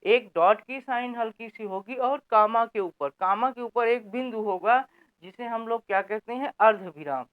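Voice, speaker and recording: A man explains grammar step by step, often pausing to check that his listeners are following and putting questions to the class that he then answers himself. His voice is smooth and clear. The sound is squeezed into a narrow, phone-like band. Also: very high voice. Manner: repeats "theek na" checking in, asks and answers own questions. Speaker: Hindi grammar teacher. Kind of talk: explanatory lesson.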